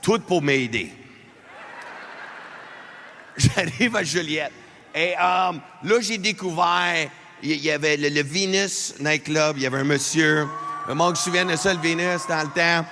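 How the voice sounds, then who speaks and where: Male stand-up, Alberta-raised, lively crowd work, slightly high voice, long reverb with faint room noise. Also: unhurried, creaky. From Alberta, Canada. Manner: animated, talks to the crowd, mixes French and English. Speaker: stand-up comedian. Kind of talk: live stand-up comedy. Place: large arena before a live crowd.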